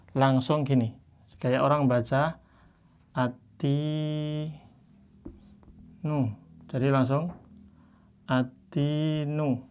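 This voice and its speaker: A man teaching Quran reading in a class, patiently explaining and slowly modelling each Arabic word. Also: medium pitch. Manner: patient, slows down to model Arabic words drawn out; explains by pointing at written examples.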